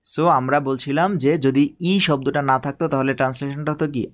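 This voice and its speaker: Man teaching, slow dictation style. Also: medium pitch, little pitch movement. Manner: slow, drawn-out dictation of example sentences, frequent check-ins with learners. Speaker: English teacher. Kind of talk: recorded online class lecture.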